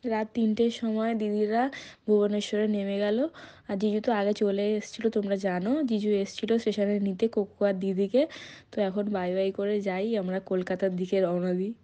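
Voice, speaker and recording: A woman's voice: medium pitch, little pitch movement, fairly quick, dark tone. A woman narrating a casual travel vlog, chatting directly to her viewers. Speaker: travel vlogger. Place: train journey.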